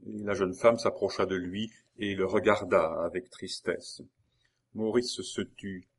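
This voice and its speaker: A man narrating a novel as an audiobook, with a measured, expressive reading. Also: low voice, breathy edge.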